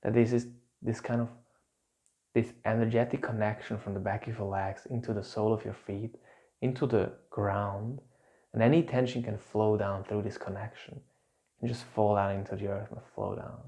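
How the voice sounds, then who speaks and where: A man guiding a calm grounding exercise as an instructor, giving gentle, soothing, repetitive instructions with pauses. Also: fairly low pitch. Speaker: instructor leading a guided relaxation exercise.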